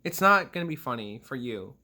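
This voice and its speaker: Worked-up young man with bright voice. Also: mid-range voice, very animated, a little fast. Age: 20s. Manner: rambling, emotional, swears often, frequent restarts and sighs. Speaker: gaming vlogger. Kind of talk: casual rant to camera.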